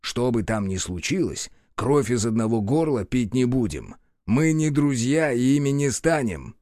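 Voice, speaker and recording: A man's voice: mid-range voice, sing-song, a little slow, a little mellow, no echo, clean studio sound. A man playing a crude, bossy guardian who talks in a sarcastic, coarse way. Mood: stern. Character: crude sardonic male guardian, bossy and mocking.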